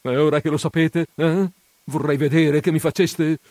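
A man's voice: animated, dark tone, no echo, exaggerated voice. A man doing a quavering, frightened village priest. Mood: indignant scolding. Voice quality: quavering, pleading, high and slow. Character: timid frightened middle-aged male village priest.

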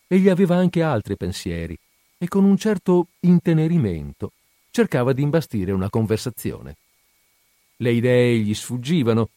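Male audiobook narrator, animated literary reading, dry studio sound. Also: lowish voice, dry recording.

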